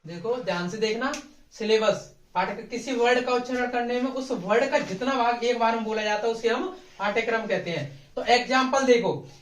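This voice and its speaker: A man's voice: very high-pitched, moderate pace, slight background noise. Man teaching grammar in an echoey room. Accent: Hindi. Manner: repeats questions and answers them himself. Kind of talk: classroom grammar lesson. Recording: echoey classroom from far off.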